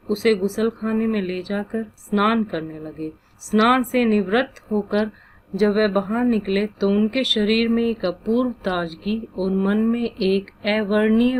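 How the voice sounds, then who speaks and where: A woman reading a literary short story aloud in a measured, deliberate way. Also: mid-range voice, a little mellow, a little hiss or hum, low-quality recording.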